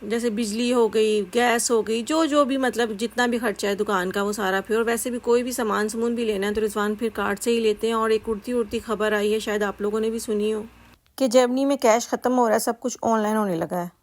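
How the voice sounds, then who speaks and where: A woman's voice: a little high, fairly even intonation, a little fast, poor audio. A woman chatting casually into her phone while walking outdoors, breathing hard on the climbs. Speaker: vlogger. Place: outdoors in a German village. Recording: faint outdoor background noise.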